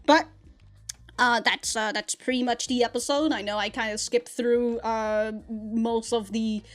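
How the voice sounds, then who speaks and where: A young adult woman hosts an anime reaction vlog, rambling animatedly through a casual review with frequent restarts and laughs. Her voice is a little high and a little slow.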